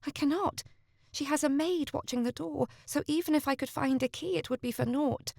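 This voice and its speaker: A woman puts on a timid, loyal young lady in a storybook romance, her voice lifted high and kept soft and hushed, like someone pressed against a door. The reading sounds dry and close, with no room around it. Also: moderate pace, creaky, dry recording. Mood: hushed worried.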